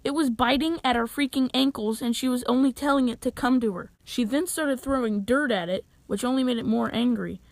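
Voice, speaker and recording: Young woman, storytime narration, wry dry humor, slightly high voice, dead dry sound. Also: fairly quick, hardly any pauses, no echo. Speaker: channel owner telling a story.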